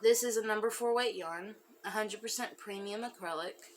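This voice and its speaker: A woman's voice: mid-range voice, normal speed, a little hiss or hum, poor audio. A woman hosting a crafting podcast, chatting casually with lots of fillers, and sounding a bit congested. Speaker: podcast host. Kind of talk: casual chat.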